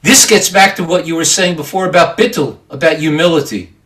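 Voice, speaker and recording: Casting: man, somewhat high voice, calm teacherly explainer of Torah. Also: a little fast. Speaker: podcast co-host. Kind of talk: Torah study discussion.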